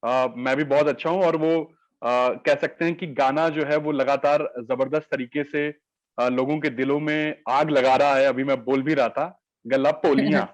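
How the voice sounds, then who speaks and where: A man's voice: mid-range voice, steady tone, normal speed, muffled recording. A man hosting an entertainment interview, asking formal, flowery questions with many "uh" fillers.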